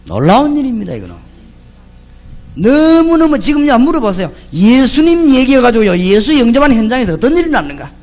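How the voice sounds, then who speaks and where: A male pastor, preaching in a high voice that leaps up and down with lively energy. His sermon is chatty and full of stories. He keeps challenging the congregation with rhetorical questions and lands on short, emphatic cries. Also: fairly quick. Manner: emphatic, punchy exclamations.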